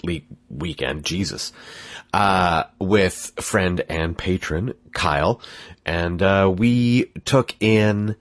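With a deep voice and no room sound in the recording, this man hosts a podcast while stuffed up from a cold. He rambles casually, interrupts himself repeatedly, and laughs at his own remarks.

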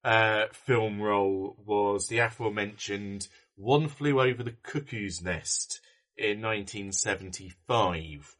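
A man's voice: on the low side, slow pace, fairly bright tone. A man co-hosting a casual film podcast, rambling with fillers and restarts. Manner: rambling, many ums and restarts. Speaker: podcast co-host.

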